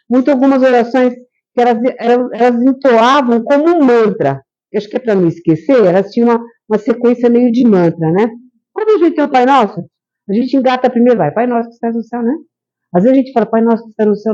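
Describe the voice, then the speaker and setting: A woman's voice: high voice, darkish tone. A woman giving a conversational, story-filled lecture to a spiritist group, asking the audience questions as she goes. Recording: dull lo-fi recording.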